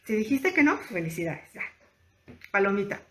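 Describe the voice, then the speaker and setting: A woman's voice: mid-range voice, sing-song, normal speed, slight background noise. A woman, a therapist giving a conversational teaching talk and asking her listeners questions directly. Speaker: thanatologist and therapist. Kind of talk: informal teaching talk to camera.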